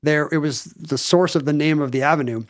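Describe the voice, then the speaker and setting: An American man co-hosting a podcast, rambling and halting, with dry humor. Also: a little high, steady tone. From United States. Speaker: podcast co-host. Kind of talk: casual chat. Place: Pacific Northwest.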